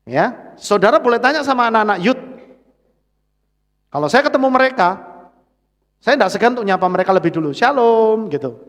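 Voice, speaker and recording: A man's voice: high-pitched, big pitch swings, fairly quick, pauses often, fairly bright tone. A man with a Central Javanese accent preaching a sermon, often calling on the congregation to answer amen. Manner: engaging, prods the congregation for "amen". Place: church hall. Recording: reverberant church hall.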